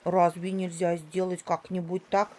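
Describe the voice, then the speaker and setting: A woman voicing a timid, shy baby elephant boy who speaks slowly with sighs. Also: fairly low pitch, flat delivery, a little mellow. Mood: shy, worried. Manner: slow, sighing, drawn-out.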